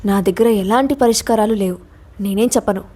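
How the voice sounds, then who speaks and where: A woman plays a cowardly fake holy man in a storybook audio drama, wailing and begging to be let go. The voice stays at her own middle pitch. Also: brisk, dark tone, close to an everyday voice. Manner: wailing, pleading.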